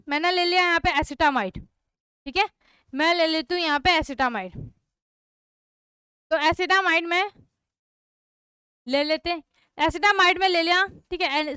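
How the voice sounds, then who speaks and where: A woman's voice: very high-pitched, bright, forceful tone, dry recording, studio quality. A young woman teaching a chemistry class online, often checking that students have understood. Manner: repeats checks like "clear?" and "okay" to students.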